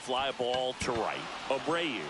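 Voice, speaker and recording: A man's voice: mid-range voice, expressive, slow pace. A man playing a baseball play-by-play announcer, calling the game radio-style in clipped, punchy calls over noisy ambience. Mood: focused, animated. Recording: noisy stadium ambience behind voice.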